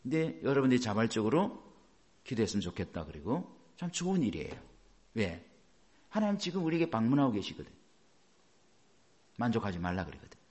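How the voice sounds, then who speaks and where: A middle-aged pastor delivers a sermon with a lively, swinging pitch. He keeps putting questions to the congregation and then answers them himself. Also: fairly quick, long pauses.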